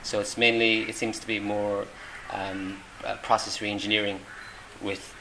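With a fairly low pitch and flat delivery, a middle-aged Irish man answers a casual interview at a measured pace. As a volunteer interviewee, he hesitates a lot, with many ums and restarts. The room behind him is noisy.

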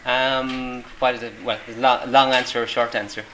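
Flat-voiced Irish man, hesitant. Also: mid-range voice, a little fast. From Ireland. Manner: hesitant, many ums and restarts. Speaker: interviewee, volunteer. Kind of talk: casual interview. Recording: noisy room ambience.

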